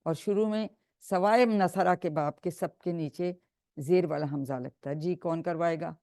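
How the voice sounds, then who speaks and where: A woman's voice: lowish voice, a little slow, warm tone, dry recording, clean studio sound. A woman teaching Arabic grammar on a video call, patiently drilling students and correcting them. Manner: patient, coaxing, repeats and corrects. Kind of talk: online class drilling students.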